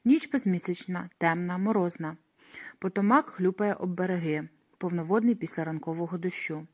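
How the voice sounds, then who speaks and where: Woman narrating an expressive audiobook. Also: fairly low pitch, moderate pace. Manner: dramatic, expressive reading. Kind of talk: first-person audiobook narration.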